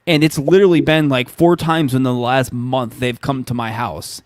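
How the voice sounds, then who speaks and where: A man's voice: medium pitch, moderate pace, no echo. A man in his thirties co-hosting a casual podcast, telling stories with acted-out quotes and frequent laughs. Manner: animated storyteller, acts out quotes, laughs often. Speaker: podcast co-host. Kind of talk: casual chat.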